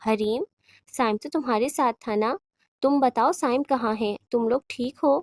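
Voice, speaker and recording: A woman's voice: fairly high pitch, no room sound, clean studio sound, close to an everyday voice. A woman voicing a worried middle-aged mother who asks anxious, pleading questions in a horror audiobook.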